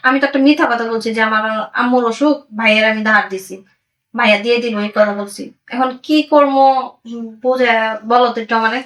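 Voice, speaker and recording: An actress playing a deceitful young wife, pleading and wheedling, with a Bangladeshi accent. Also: female voice, a little high, quick pace, fairly bright tone, natural voice. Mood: anxious. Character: deceitful young wife hiding spent money. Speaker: migrant worker's wife. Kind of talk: amateur drama acting. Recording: voice distant from the mic.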